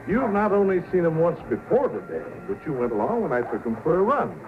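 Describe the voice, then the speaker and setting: In an old-time radio drama, an actor plays a confident, fatherly sled-dog racer with a folksy, good-natured manner, sounding hearty and paternal. His voice is a little high and brisk, with big pitch swings. The dull old recording includes music.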